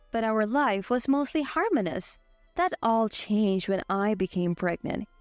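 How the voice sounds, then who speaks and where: A woman in her twenties narrating a scripted first-person story with an even, steady delivery. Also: on the high side, no room sound. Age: 20s.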